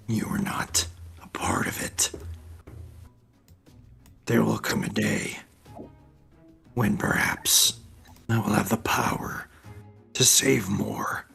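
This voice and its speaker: A man voicing a sorrowful, resolute warrior in a tabletop game, with a husky, half-whispered growl and slow, solemn delivery. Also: lowish voice, sharp tone, heavily acted. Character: sorrowful, grave male warrior, weary and resolute.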